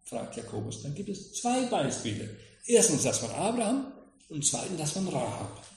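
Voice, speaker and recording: Lively man preaching in an echoey room. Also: a little high, moderate pace. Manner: lively, questioning, addresses listeners directly. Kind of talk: sermon expounding scripture. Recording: echoey room with faint noise.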